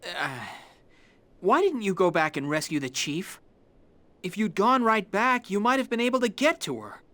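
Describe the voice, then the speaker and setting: Earnest young male underling, game drama: high, worried, emotionally swinging, dry recording. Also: sing-song, normal speed, bright, forceful tone, no room sound, exaggerated voice. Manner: hesitant, pleading, emotional. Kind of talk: dramatic game cutscene acting. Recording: close dry voice, faint music.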